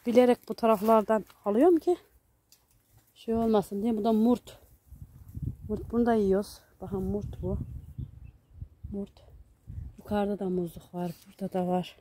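A woman's voice: medium pitch, warm tone. Chatty woman giving a garden tour. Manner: chatty, addressing viewers and her small daughter while walking. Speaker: vlogger and mother. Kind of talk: casual garden tour vlog. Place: outdoor home garden in the countryside near a mountain. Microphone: handheld camera.

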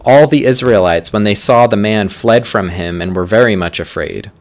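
A man reading scripture and leading prayers for a church's morning prayer, in a measured, deliberate way, phrase by phrase. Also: on the low side.

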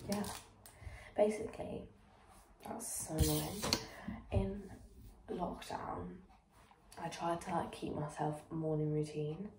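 A young woman vlogging casually at home, chatty and rambling, poking fun at herself and dropping into soft whispery asides. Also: sits low, background noise. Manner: chatty, rambling, self-mocking. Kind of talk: casual vlog chat.

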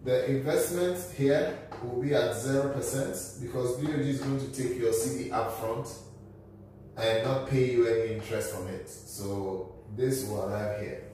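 The voice here is mid-range and dark, steady in tone and moderate in pace, picked up from a distance. A thirtysomething finance educator works methodically through the figures on a whiteboard in a small office, and the far-off camera records an echoey room with a faint hum.

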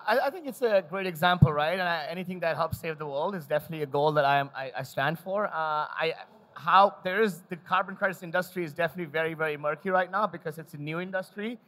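A man's voice: a little high, fast talker, a bit bright. A man on a conference panel, speaking earnestly and correcting himself as he goes.

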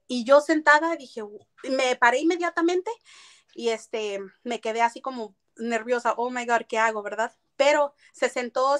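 A woman's voice: on the high side, a bit bright. A woman giving a personal testimony in an interview, telling her story earnestly and slipping into English phrases. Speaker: interviewee recounting her past.

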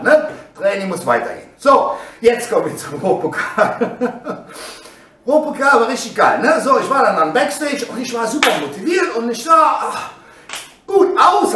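A middle-aged man tells stories casually and with animation. He tags nearly every phrase with "ne?" and bursts into shouted exclamations. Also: very high-pitched, recorded from a distance, a little hiss or hum. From Germany. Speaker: bodybuilder telling his past. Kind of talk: casual storytelling. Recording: echoey room, voice away from the mic.

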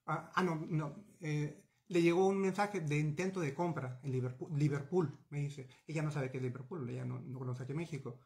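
On a webcam video call from a small bookshelf-lined home office, a Mexican interviewee narrates a personal story in an agitated way. He has a slightly high male voice, keeps a moderate pace with few pauses, and gestures animatedly amid many restarts and fillers.

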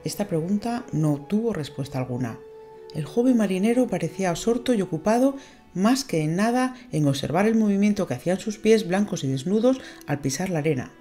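A woman narrating an audiobook, reading a novel in a measured, expressive way. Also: medium pitch, soft background music.

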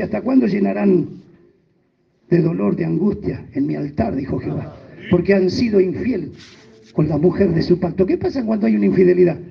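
Pastor, very high gravelly voice, emphatic sermon, dull lo-fi church recording. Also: male voice. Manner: emphatic preaching with sudden rises and drops.

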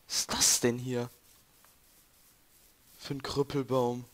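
A man's voice: mid-range voice, flat delivery, slow, fairly bright tone. A young man with a German accent, chatting and joking to viewers while playing a game. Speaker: let's play gamer. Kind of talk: casual gameplay commentary. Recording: noisy home recording.

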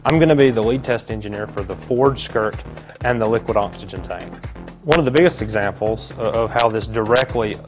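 A man speaking as a test engineer in a documentary interview clip, explaining earnestly with some halting. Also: on the low side. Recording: video clip played in the room with music. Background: music.

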